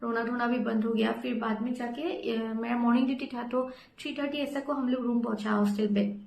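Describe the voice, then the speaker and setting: A woman's voice: a little high, darkish tone, reverberant. A young woman nursing student telling a personal story in a casual, rambling way, with many fillers and English words mixed in.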